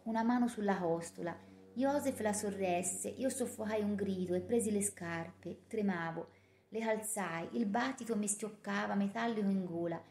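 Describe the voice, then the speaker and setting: A woman narrating a novel in the first person with a measured, expressive reading. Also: mid-range voice. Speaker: audiobook narrator. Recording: roomy echo.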